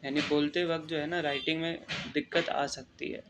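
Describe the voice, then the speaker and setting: A young Indian man teaching an exam-prep lesson, reading English definitions slowly, then explaining them in Hindi. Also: a little high, little pitch movement, noisy background.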